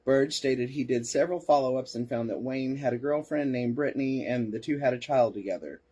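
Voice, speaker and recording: A podcast host speaks briskly in a mellow, slightly rough voice of medium pitch. Between readings of case reports, he tosses in sarcastic asides and replies to comments from listeners in the chat.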